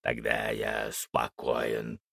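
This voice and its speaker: A man growling as a gravelly old werewolf. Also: deep voice, lively intonation, a bit bright, no echo, clean studio sound, pitched below the performer's own voice, full character voice. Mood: wary. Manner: slow, suspicious, grumbling. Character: gruff old male werewolf, growling and wary. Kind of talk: audiobook character voice.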